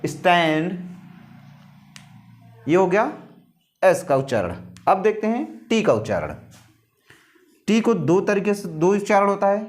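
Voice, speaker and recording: Male teacher, lively rising and falling voice, drills pronunciation by repetition. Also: high-pitched. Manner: slow, repetitive, asks questions and answers them. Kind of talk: English pronunciation lesson.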